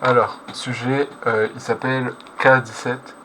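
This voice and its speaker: Hosting a reaction video, a man delivers casual, slangy live commentary, translating on the fly and hesitating and correcting himself as he goes. His voice sits at medium pitch with a level tone and a measured pace. The background is clearly noisy.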